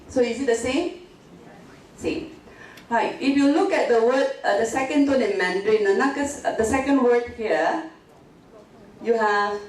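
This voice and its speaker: A woman's voice: fairly high pitch, darkish tone, recorded from a distance. A Malaysian woman giving an interactive university lecture, quizzing her audience with frequent tag questions like "right?" and "okay?". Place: university multimedia classroom. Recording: echoey classroom, mic from afar, faint hiss.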